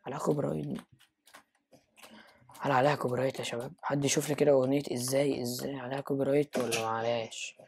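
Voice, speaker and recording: A man with an Egyptian accent giving live gameplay commentary, excitable, jumping to loud high exclamations and mixing in English phrases. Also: very fast, crowd noise. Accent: Egyptian Arabic. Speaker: gaming YouTuber.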